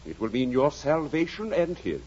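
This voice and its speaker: A man's voice: fairly high pitch, big pitch swings, normal speed, a little mellow, slightly rough. An actor playing a kindly, blunt middle-aged country doctor, dryly witty and fatherly in 1940s radio acting, on a dull old radio broadcast. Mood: grave. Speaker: Doctor Kenneth.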